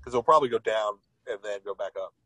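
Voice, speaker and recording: On a remote call where the signal keeps cutting out, a man in his thirties banters and rambles, joking and playfully boastful. His voice sits on the low side, quick and fairly bright yet husky, and the recording is dry and rough.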